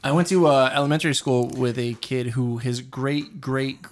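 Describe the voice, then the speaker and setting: A man's voice: medium pitch, moderate pace. A young man co-hosting a casual podcast, defending himself with a laid-back, joking manner. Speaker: podcast co-host.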